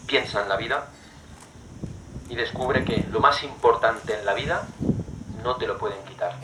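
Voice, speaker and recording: A man, a parish priest from Spain, giving a conversational sermon full of rhetorical questions and soft, prayerful asides. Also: medium pitch, moderate pace, distant mic. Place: church. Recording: echoey church room, faint noise.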